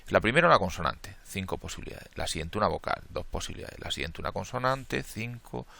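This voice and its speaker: In a Spain Spanish accent, a math lecturer gives a quick-paced worked-problem lecture on combinatorics, counting the steps aloud, thinking as he goes, and correcting his own slips. His lowish voice has lively intonation and vocal fry and sounds pushed and bright.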